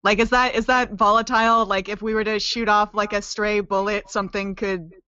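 A woman playing a tabletop game, planning moves in casual, halting, slangy chat. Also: medium pitch, level tone, pushed and bright, clean tone, no echo, dull audio.

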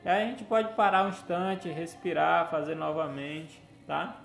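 A man preaching a teaching sermon, gently instructive and often checking in with his listeners. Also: a little high, fairly even intonation, unhurried, vocal fry. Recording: echoey room with faint music.

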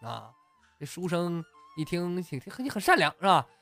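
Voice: mid-range voice, big pitch swings, normal speed, vocal fry, over music. A storyteller telling a comic tale casually, chuckling along and using many fillers. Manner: chatty, laughs at own story, many fillers. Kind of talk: comic oral storytelling podcast.

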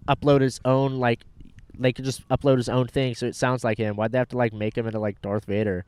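A man's voice: medium pitch, level tone, a little fast, a little mellow, clean tone, dry recording. A man in his twenties hosting a casual podcast, teasing his guest with crude jokes. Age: 20s. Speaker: podcast host. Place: outdoors near a beach.

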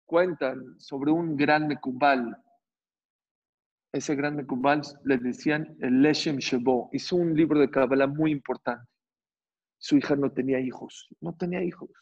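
Husky, emphatic rabbi preaching. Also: male voice, medium pitch, a little slow. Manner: animated, emphatic rises and repetition. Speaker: rabbi teaching a Torah class. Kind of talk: sermon. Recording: dull lo-fi recording.

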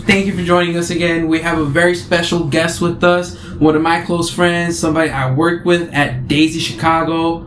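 A man's voice: a little high, little pitch movement, normal speed, few pauses, fairly bright tone. A man hosting a podcast, loose and slangy with a lot of swearing. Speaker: podcast host. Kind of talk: casual podcast chat. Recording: echoey room, faint noise.

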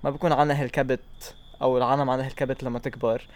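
A man's voice: medium pitch, flat delivery, racing. A young Lebanese man in a casual discussion, constantly switching between Arabic and English mid-sentence.

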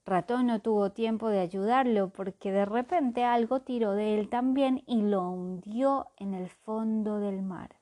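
Slow, expressive woman reading a children's story. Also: mid-range voice. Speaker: narrator.

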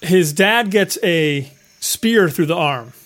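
A man's voice: fairly high pitch, lively intonation, slow, a bit bright. A man co-hosting a casual movie chat, joking and rambling, often repeating words as he thinks aloud. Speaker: podcast co-host.

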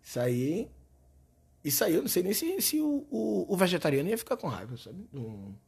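A hoarse, hungover man with a Brazilian accent, telling stories in a slangy, animated, sweary way as a comedian hosting a casual podcast. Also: high-pitched, fairly quick. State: hoarse from a hangover and shouting. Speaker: podcast host and stand-up comedian. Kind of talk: casual comic podcast monologue.

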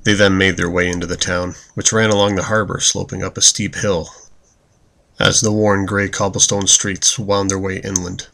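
Deep-voiced male storybook narrator. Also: moderate pace, creaky. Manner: steady, descriptive reading. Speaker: audiobook narrator.

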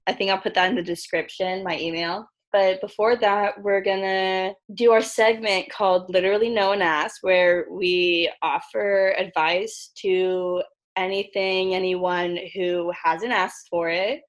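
A young woman hosts a relaxed podcast chat with a gravelly vocal fry. She laughs easily and talks in a loose way, full of fillers. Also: mid-range voice, measured pace. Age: young adult. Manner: giggly, chatty with many fillers. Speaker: podcast host.

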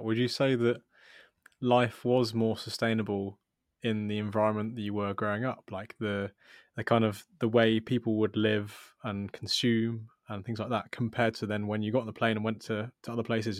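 A man hosts the podcast in a lowish voice, firing out his words quickly. The sound is dry and close, and he rambles and rephrases as he shapes each question. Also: flat delivery, dry recording. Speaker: podcast host. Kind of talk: conversational interviewing.

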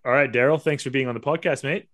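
A man's voice: mid-range voice, steady tone, quick pace, fairly bright tone. A man hosting a podcast, asking questions in a rambling, hesitant way. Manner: rambling, hesitant with many fillers and restarts. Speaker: podcast host. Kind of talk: casual interview.

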